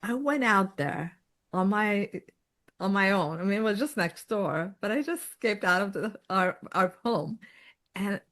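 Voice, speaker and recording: Animated middle-aged woman from Iran. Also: medium pitch, measured pace. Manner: animated, laughs often while talking. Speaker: podcast guest. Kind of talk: conversational interview.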